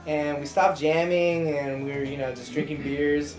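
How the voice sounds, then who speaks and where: A man, a band member, telling a story in a laid-back, slangy, animated way during an interview. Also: on the high side, normal speed, echoey room, faint music behind, low-quality recording.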